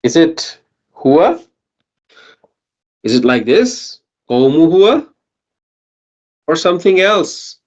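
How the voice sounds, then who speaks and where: Slow-talking man teaching Arabic grammar. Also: fairly high pitch, very animated, a little mellow, dull audio. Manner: patient, often asks students questions and checks with "okay?". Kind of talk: online grammar lesson.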